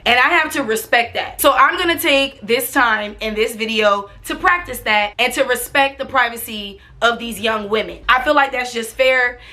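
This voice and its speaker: Bright, high-voiced sassy young American woman. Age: young adult. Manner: sassy, expressive, slangy, freely swearing. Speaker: storytime vlogger. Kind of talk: casual storytime chat.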